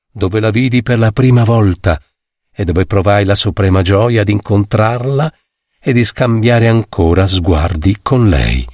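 A man with a low, gravelly voice reads a classic tale. His pitch swings widely as he shapes each phrase with theatrical expression, and the close recording sounds dry and dead. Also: a little mellow, dry recording. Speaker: audiobook narrator. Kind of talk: dramatic story narration.

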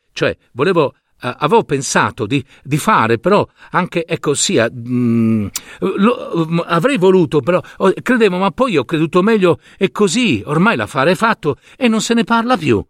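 A man voicing a little boy in a storybook reading, stammering and evasive, then shrill and angry. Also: animated, a little slow, dry recording, clean studio sound. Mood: flustered.

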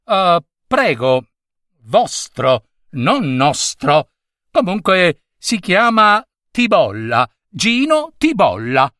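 A man voicing a small alien chick who commands a space egg, lecturing in a sharp, self-important way. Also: high-pitched, big pitch swings, drawn-out words, no room sound, studio quality, exaggerated voice.

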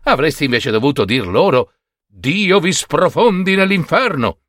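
A man's voice: fairly high pitch, expressive, normal speed, fairly bright tone, no room sound, studio quality, pitched above the performer's own voice. A man voicing an exasperated, doting peasant mother who chides her foolish son. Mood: scolding. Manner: chiding, exclaiming.

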